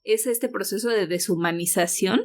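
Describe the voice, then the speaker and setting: A woman's voice: medium pitch, moderate pace. Earnest woman in thoughtful talk. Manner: thoughtful, earnest, many fillers. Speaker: podcast guest. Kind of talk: casual conversation.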